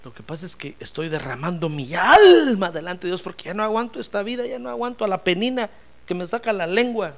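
A man's voice: high-pitched, lively intonation, brisk, vocal fry, fairly bright tone, heavily acted. A man voicing a desperate woman who pleads tearfully and says she is worn out. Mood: pleading.

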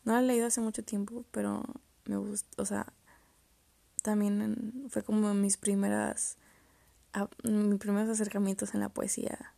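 Young woman, solo podcast host, casual rambling talk with muttered asides, mellow fry-heavy voice, dry close recording. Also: medium pitch, flat delivery, normal speed, no echo. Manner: rambling, self-interrupting, often drops to mutters and whispers. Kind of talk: casual solo chat about poetry.

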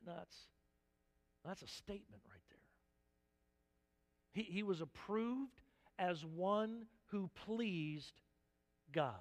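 A man preaching a sermon as pastor, animated, often acting out little dialogues. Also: sits high, slow pace, pauses often, in a large hall.

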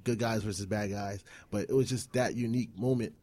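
A man's voice: on the low side, steady tone, fairly quick, warm tone, a little hiss or hum. A man hosting a talk show in casual, conversational chat. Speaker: host of a wrestling talk show.

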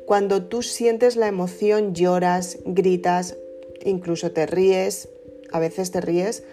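A woman speaks in a warm, low, mellow voice, offering gentle advice about letting emotions out. She talks conversationally, often tagging "¿no?" onto her points. Soft guitar music plays faintly behind her. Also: fairly even intonation, takes it slowly. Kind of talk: casual motivational talk to camera.

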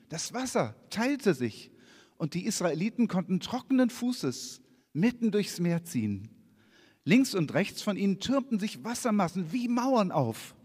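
A man preaching in a church, reading scripture aloud in a lively, expressive way with casual asides. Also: high-pitched, slightly rough. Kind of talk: sermon reading scripture with slides. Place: church hall. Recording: long church reverb.

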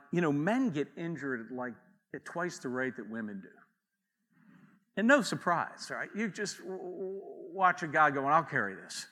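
Bright-voiced man preaching in a reverberant hall. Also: a little high. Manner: conversational preaching with asides and acted quotes. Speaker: pastor. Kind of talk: sermon.

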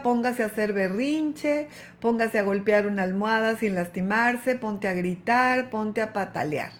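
A woman coach speaks straight to her female listeners in a slightly high voice. She is animated and emphatic, and tender with her pet names. She keeps checking in as she goes. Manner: affectionate, calls listener "hermosa", frequent "¿ok?". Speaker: wellness coach. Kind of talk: motivational talk to women.

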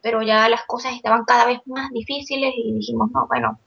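Gravelly young woman from Venezuela. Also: on the high side, little pitch movement, brisk, a bit bright, muffled recording. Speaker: guest illustrator. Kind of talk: casual interview.

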